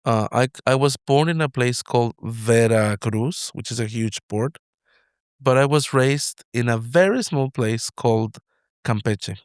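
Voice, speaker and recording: A Mexican-accented man hosts an interview podcast, leading into his questions with long personal stories. His voice is smooth and resonant. The sound is close and dry. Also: medium pitch, unhurried, no room sound. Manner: expansive, storytelling questions. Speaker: podcast host. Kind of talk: casual interview.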